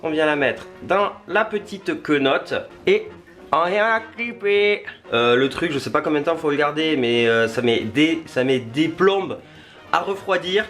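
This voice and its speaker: A man's voice: a little high, fairly bright tone. A man chatting informally through a hands-on tutorial vlog in a home kitchen, self-deprecating and loosely spoken with some mild swearing. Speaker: video creator testing a product.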